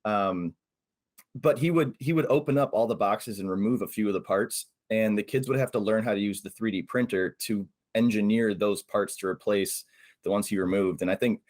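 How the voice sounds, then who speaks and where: A man hosting a podcast in easy conversation, his voice pitched low. The sound is dry and close, with no room around it, and he talks in a friendly, loose way. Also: normal speed, darkish tone, no echo. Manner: friendly, conversational, some fillers. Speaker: podcast host.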